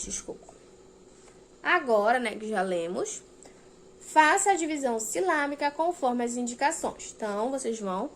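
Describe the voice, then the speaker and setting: Brazilian woman teacher, kinda high voice, slow and patient w little kids, faint hiss behind. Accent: Brazilian Portuguese. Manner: patient, repeats key words slowly and checks in with "tá?". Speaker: primary school teacher. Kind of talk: recorded video lesson for fourth graders.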